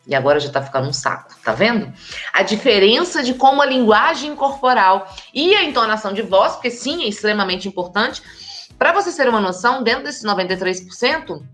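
A woman presents a talk on body language with lively emphasis. Her voice sits at an ordinary middle pitch for a woman. Faint music plays behind her. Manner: lively, emphatic, speaks straight to the audience. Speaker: communication and body language trainer. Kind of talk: expressive presentation lecture. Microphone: camera with slides, hands in frame.

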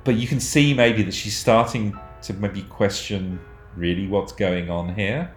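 A man narrates a tabletop horror game as game master, slowly and with a lowish voice. He describes scenes haltingly, with many fillers and restarts. The recording has a roomy, echoey sound. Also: fairly even intonation, soft background music.

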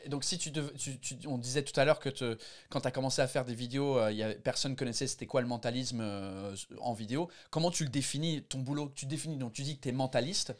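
A man's voice: mid-range voice, fairly even intonation, fast. Hesitant man, casual host. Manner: hesitant, many fillers and stammered starts. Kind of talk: casual chat.

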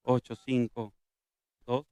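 A man's voice: mid-range voice, level tone, slow pace, mellow, clear, resonant tone, dry recording. A man hosting a live show in casual chat, repeating short phrases insistently. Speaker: host of a live prank-call show.

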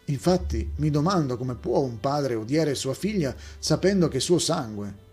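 A man voicing an earnest, dutiful young man in a story, with a slightly raised pitch. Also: lively intonation, moderate pace, a little mellow, breathy edge, soft background music. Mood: reflective. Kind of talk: storybook voice acting.

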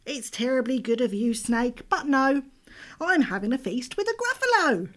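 A woman's voice: sits high, animated, moderate pace, pitched above the performer's own voice. A woman voicing a small, clever, polite male mouse hero in a children's storybook. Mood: cheerful, sly. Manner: plucky, bright, polite.

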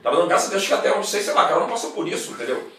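Brazilian guy ranting fast, high voice, jumps all over the place, swears a lot. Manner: animated, swears, mimics others in mocking tones. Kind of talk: casual chat. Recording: roomy, distant mic, faint noise.

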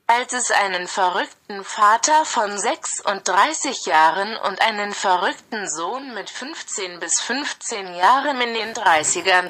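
A computer-generated woman's voice reads translated text aloud in a flat machine readout at a deliberately slow pace. Its mid-range tone is bright and even, with a speech synthesizer's smooth sameness, and every phrase arrives in the same measured rhythm.

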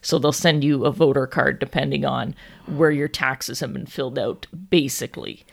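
Gravelly podcast co-host. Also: medium pitch, fairly even intonation, normal speed. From Canada. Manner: explaining, many restarts and repeats. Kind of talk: casual chat.

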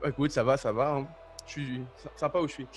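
A man's voice: mid-range voice, fairly even intonation, fairly quick, breathy edge. A young man hosting a radio show, teasing his guests in a jokey way. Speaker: host.

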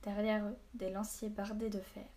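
Quiet woman reading a novel aloud. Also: medium pitch, flat delivery, normal speed. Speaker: narrator. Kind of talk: audiobook narration.

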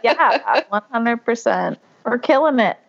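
A woman's voice: on the high side, expressive, measured pace, vocal fry, muffled recording. Wry, easygoing woman podcast co-host. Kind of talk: casual podcast chat.

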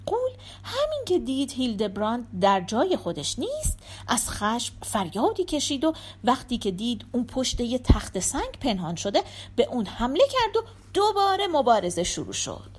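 A woman's voice: a little high, breathy edge. A woman storyteller narrating a folk tale in a scripted, dramatic reading.

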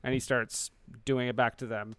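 A man's voice: medium pitch, little pitch movement, normal speed, a bit bright, clear, resonant tone, no echo. A man casually recapping a movie on a podcast, joking and acting out the characters' lines. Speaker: podcast host. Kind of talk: casual movie-review chat.

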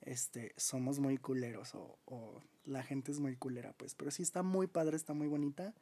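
A man's voice: mid-range voice, normal speed, mellow. A man with a Mexican accent co-hosting a podcast in casual, enthusiastic chat, with lots of fillers and easy laughter. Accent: Mexican Spanish. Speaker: podcast co-host.

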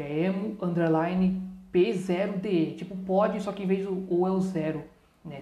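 Mellow, low-voiced Brazilian Portuguese woman podcaster. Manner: colloquial and slangy, rambling with asides. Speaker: podcast host. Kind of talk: casual chat with channel announcements. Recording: roomy, echoing sound.

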